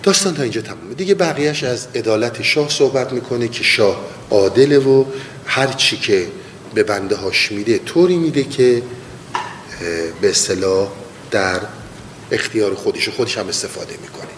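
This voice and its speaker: A man teaching mystical poetry, chanting lines slowly and then explaining them in quick casual talk. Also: lively intonation, fairly bright tone. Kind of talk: spoken lesson with slow verse recitation. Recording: long hall reverb, faint rumble.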